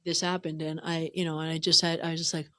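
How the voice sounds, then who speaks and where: A woman with a lowish voice chats casually in a dry radio studio. She speaks loosely, leans on "you know" and "like", and sounds relaxed and unguarded. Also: fast, no room sound. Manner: loose, filler-heavy, says "you know" and "man". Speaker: singer-songwriter guest. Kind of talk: casual interview chat. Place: radio booth.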